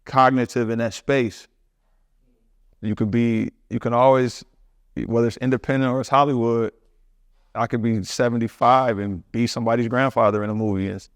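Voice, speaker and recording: A middle-aged man rambles through a casual interview, full of slang and restarts. His voice sits at an ordinary pitch with a gravelly edge. The sound is dry and close. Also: steady tone, normal speed, no echo. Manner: rambling, loose storytelling with many restarts and slang. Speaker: interview guest.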